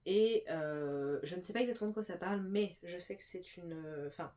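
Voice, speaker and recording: A woman's voice: fairly low pitch, moderate pace, mellow. Young female booktuber, stuffy nose, casual filler-heavy chat. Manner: chatty, many fillers and restarts. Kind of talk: casual book haul chat.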